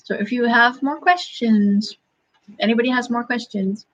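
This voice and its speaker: A woman hosting a casual livestream, answering chat questions in a halting, thinking-aloud way with frequent chuckles. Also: on the high side, a bit bright, muffled recording.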